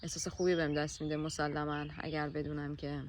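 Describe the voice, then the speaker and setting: A woman talking to camera outdoors in a forest about a personal experience, in a gentle, soothing way with many hesitant pauses and filler sounds. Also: low-pitched, little pitch movement, a little hiss or hum. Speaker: vlogger sharing a personal experience. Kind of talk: reflective personal talk to camera.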